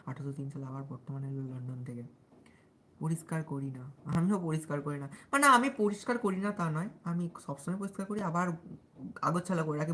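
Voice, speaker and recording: On a live stream, a young livestreamer preparing for exams reads his study notes aloud in a Bengali accent with a Bangal tinge. His voice is a little high and deliberately soft and sweet, and he chats along, often asking viewers if they follow. The audio is poor, with a faint ambient hum underneath.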